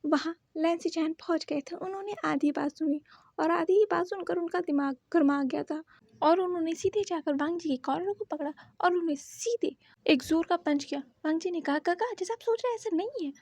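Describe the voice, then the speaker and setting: A woman narrating a fan fiction story in a lively manner, acting out every character. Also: extremely high pitch, moderate pace, no echo.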